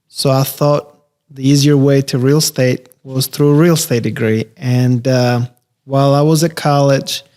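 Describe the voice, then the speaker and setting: A man, a real estate investor talking casually as a podcast guest, relaxed and rambling with many fillers. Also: medium pitch. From Albania. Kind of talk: casual interview conversation.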